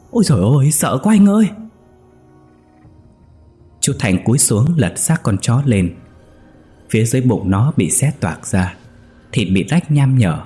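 A man reads a ghost story in a steady, suspenseful way. His voice is low and husky, with faint music playing underneath. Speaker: narrator. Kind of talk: scripted ghost-story narration.

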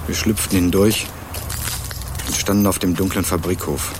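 Here the same kind of role comes through: a steady, low, natural male voice at a moderate pace, with background noise. The young adult actor narrates and leads a plain-spoken radio crime drama in the first person, voicing a terse, wary Berlin student in both narration and dialogue.

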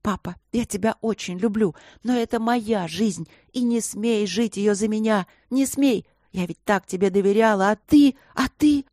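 A woman's voice: mid-range voice, normal speed, darkish tone, no echo, studio quality, pitched above the performer's own voice, close to an everyday voice. A woman voicing a hot-tempered young noblewoman who talks in an indignant, heated way.

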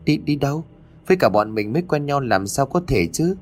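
A man's voice: medium pitch, animated, a little fast, pitched above the performer's own voice, lightly acted. A man voicing an anxious, easily flustered young man in a ghost story, stammering and pleading. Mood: puzzled.

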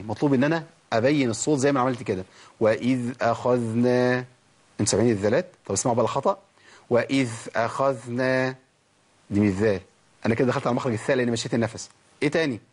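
A man with an Egyptian Arabic accent teaching a tajweed lesson, who asks questions, answers them himself, and drags out letter sounds slowly to demonstrate them. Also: medium pitch, slightly rough. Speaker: Quran recitation teacher.

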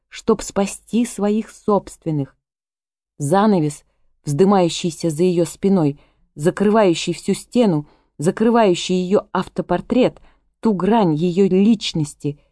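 A woman reading a literary novel aloud as audiobook narrator, in a measured, even way, close to a studio mic. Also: fairly low pitch, no echo.

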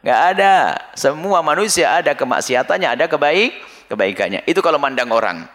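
A man preaching to a live audience and answering their questions, with sharp leaps in pitch. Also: lively intonation, a little fast. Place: large hall with a live audience. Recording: long hall reverb over a PA.

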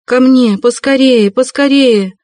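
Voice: sits high, unhurried, darkish tone, no echo, voice pushed up. Pleading young woman, as a reader puts her on, raised urgent voice, dry sound. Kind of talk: audiobook reading.

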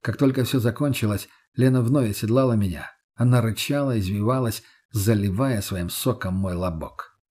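A man narrating a first-person story audiobook in a measured, steady reading voice. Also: on the low side, breathy edge.

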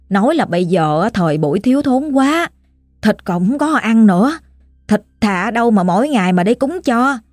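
A woman with a Southern Vietnamese accent retelling a family ghost story, lively and full of folksy exclamations. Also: mid-range voice, no echo, studio quality.

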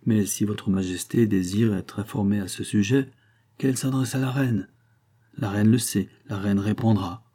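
A man reading an audiobook and voicing a grave, loyal count who speaks in a measured, formal and earnest way. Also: fairly low pitch, fairly even intonation, mellow, slightly rough.

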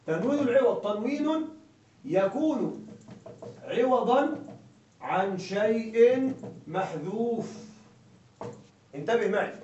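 Slight background noise accompanies this distant recording of a male grammar teacher lecturing in a high, darkish voice. The echoey, dull room carries his habit of repeating questions to confirm the class is following along.

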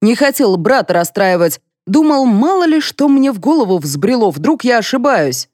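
A woman reading an audiobook, voicing a stern, gruff middle-aged man who speaks bluntly. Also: on the high side, big pitch swings, moderate pace, a little mellow, no echo, studio quality, pitched above the performer's own voice. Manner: blunt, curt.

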